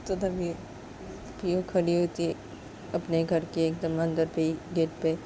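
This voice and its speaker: A woman's voice: sits low, completely flat delivery, moderate pace, background noise. A woman casually retelling a romance story in a loose, rambling way, with many repeated fillers.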